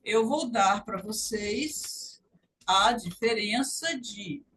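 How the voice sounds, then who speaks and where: Brazilian woman teacher, patient and slow-spoken, heard from across the room. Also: mid-range voice, expressive, a bit bright, recorded from a distance, slight background noise, poor audio. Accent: Brazilian Portuguese. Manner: patient, repeats sounds slowly to demonstrate. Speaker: language teacher. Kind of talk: online English lesson.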